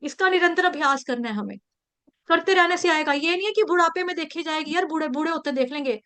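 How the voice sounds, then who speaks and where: Woman, scripture teacher, high pitch, bright tone, animated, acts out quotes. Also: quick pace. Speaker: spiritual teacher. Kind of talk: scripture class with storytelling.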